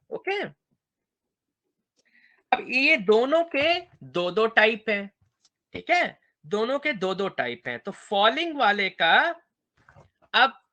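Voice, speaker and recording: A man's voice: high-pitched, sharp tone. A man giving a university English lecture, mixing two languages, who keeps checking that students understand. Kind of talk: bilingual classroom lecture.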